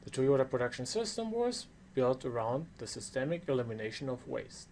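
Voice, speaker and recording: A man's voice: mid-range voice, very animated, brisk, darkish tone, slight background noise. A man with a non-native English accent gives a prepared lecture as a course instructor, explaining things with emphasis. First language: not English.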